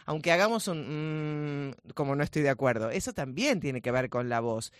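A woman voice coach with a Rioplatense Spanish accent, speaking in a powerful, loud, vehement way as a guest in a radio studio. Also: sits low, normal speed, no echo. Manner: vehement, lively teaching tone.

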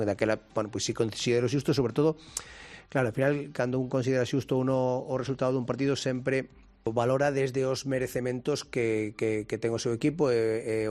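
A man's voice: on the low side, darkish tone. A man with a Galician accent giving hesitant coach's press comments, repeating words and adding tag questions. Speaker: football coach.

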